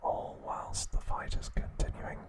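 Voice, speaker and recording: Speaking in short phrases with deliberate gaps, a man narrates an episode recap in a breathy ASMR whisper that stays unvoiced.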